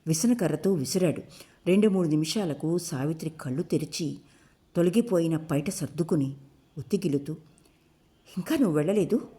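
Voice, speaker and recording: Audiobook narrator, woman, warm low voice, steady measured delivery. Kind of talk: scripted narration.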